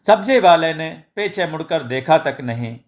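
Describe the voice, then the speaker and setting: A man narrating a moral story in a slow, even storytelling manner. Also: a little high.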